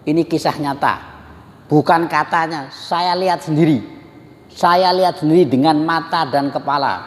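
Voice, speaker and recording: A man gives a religious study talk, lively and joking as he turns again and again to address his listeners. His voice sits a little high for a man. A long reverb trails behind him, as in a large hall. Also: moderate pace. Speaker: religious teacher.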